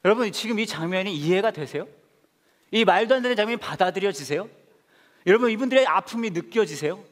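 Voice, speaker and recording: A male pastor preaching a sermon, telling stories with lively, acted-out family scenes. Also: fast, in a large hall. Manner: animated storytelling, acting out family quarrels in a high voice.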